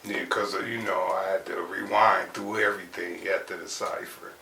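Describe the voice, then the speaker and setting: A man hosts a casual interview in a loose, slangy way, often restarting his sentences. His voice is gravelly and bright. He sounds distant in an echoey room. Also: low-pitched, flat delivery, moderate pace, slight background noise. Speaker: interviewer, host.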